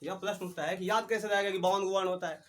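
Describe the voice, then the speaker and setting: A man's voice: high-pitched, fairly even intonation, fast talker. A man teaching a classroom lesson, drilling the students with call-and-response questions.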